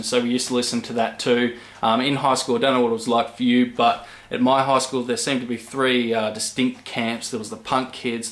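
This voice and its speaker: A man in his twenties with an Australian accent, chatting casually to camera as a channel host, rambling with many pauses. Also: mid-range voice, a little hiss or hum. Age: 20s. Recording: echoey room.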